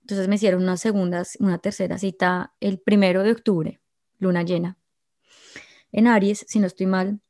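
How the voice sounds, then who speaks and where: Woman, vlogger, personal storytelling, mellow tone, emotional, confiding, halting restarts. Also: mid-range voice, flat delivery.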